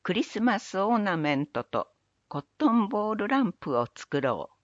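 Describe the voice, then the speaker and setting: A woman reading municipal event announcements in a measured, even recital of dates, places and phone numbers. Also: mid-range voice, no room sound, highs cut off. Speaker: city announcer. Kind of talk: scripted public announcement reading.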